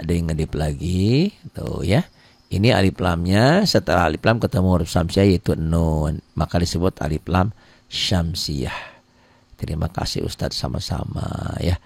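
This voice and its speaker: A man's voice: gravelly, a little mellow, husky, dry recording. A middle-aged man teaching Quran reading in a casual, chatty live online lesson, answering viewer comments and acting out little dialogues, sounding a bit tired. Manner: casual, chatty teaching with quick pitch jumps and acted-out dialogue.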